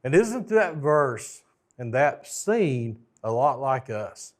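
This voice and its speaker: A man's voice: mid-range voice, very animated, slow pace. A man preaching a storytelling sermon in a folksy way, with joking asides.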